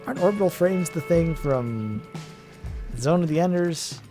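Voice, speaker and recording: A man's voice: a little high, animated, unhurried, music in the background. A man casually commenting on his own gameplay as a let's play host, rambling with self-deprecating asides.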